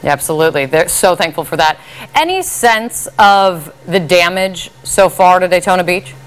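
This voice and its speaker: Female news anchor, lower register, live broadcast interview style, studio setting. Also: expressive, normal speed.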